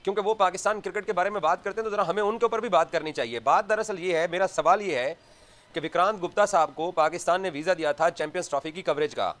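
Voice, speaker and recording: Brief: high, crisp-voiced man, rapid indignant cricket rant. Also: a bit bright. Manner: indignant, rapid-fire questions. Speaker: cricket commentator. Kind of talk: opinion video monologue.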